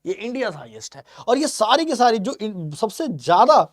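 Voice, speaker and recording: A man's voice: high voice, very animated, moderate pace, no room sound, studio quality. Male tutor quizzing his class. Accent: Hindi. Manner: repeats points with quiz-style questions; mixes English terms into Hindi. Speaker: teacher. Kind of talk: exam-prep geography lecture.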